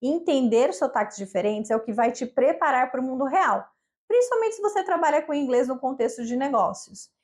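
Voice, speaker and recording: A woman's voice: high voice, expressive, a little fast, a little mellow. A woman from Brazil, an English teacher, giving an upbeat, conversational lesson straight to the camera.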